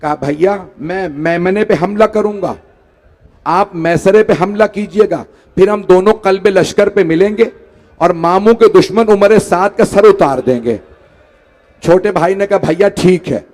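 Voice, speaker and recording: A man's voice: sits high, a little slow, a little mellow. A man preaching a mourning sermon, pleading with his listeners and rising into a wailing lament. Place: large hall.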